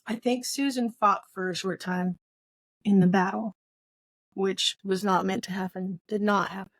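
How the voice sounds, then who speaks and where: A woman co-hosting a book podcast chats casually about books, rambling a little and thinking aloud as she goes. Her mid-range voice keeps a steady tone at a moderate pace, with no room sound.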